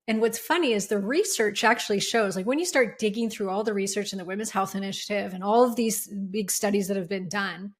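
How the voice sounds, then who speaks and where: Emphatic woman explaining hormone health. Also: medium pitch. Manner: emphatic, explanatory, uses rhetorical questions. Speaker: guest hormone and weight loss expert. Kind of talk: podcast interview.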